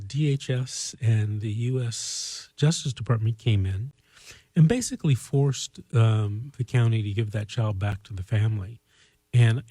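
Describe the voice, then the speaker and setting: A man hosting a call-in show, giving earnest legal advice in a measured, conversational way. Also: mid-range voice, mellow, breathy edge, dry recording.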